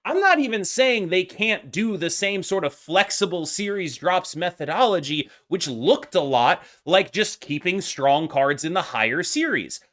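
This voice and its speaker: A man's voice: high voice, lively intonation, a little slow, hardly any pauses, a bit bright. A man giving unscripted opinion commentary as a gaming content creator, arguing emphatically and discursively with many qualifications.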